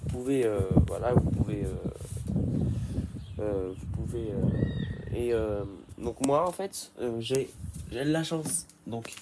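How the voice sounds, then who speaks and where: Heavy background noise accompanies this man, a bike repair tutorial maker with a head cold. His mid-range voice takes it slowly as he explains a repair in a hesitant, meandering way, full of fillers and restarts.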